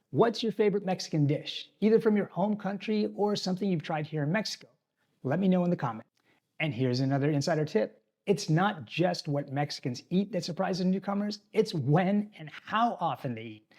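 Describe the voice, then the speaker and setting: A man with a slightly high, somewhat mellow voice hosts an expat channel from a tropical island. In a scripted talking-head explainer, he speaks directly to his viewers, offering advice on living abroad.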